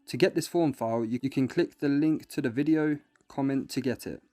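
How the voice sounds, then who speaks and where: This scripted product review is read by a man with a mellow, mid-range voice who talks a little fast. His delivery walks through each step like a tutorial, and music runs underneath.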